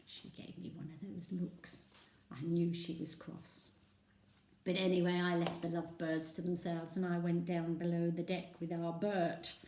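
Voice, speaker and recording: A woman's voice: fairly low pitch, level tone, unhurried, darkish tone, slight background noise. A woman, telling a chatty first-person comic monologue with sung and whispered asides. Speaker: storyteller. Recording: roomy echo, voice from a distance.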